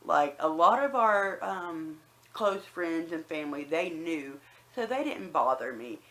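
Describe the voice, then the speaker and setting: A woman's voice: deep voice, expressive, a little slow, fairly bright tone, poor audio. Chatty woman with a slight whistle. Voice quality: slight whistle on some words from new dentures. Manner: conversational, acts out remembered remarks. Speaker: personal vlogger. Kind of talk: casual chatty personal storytelling.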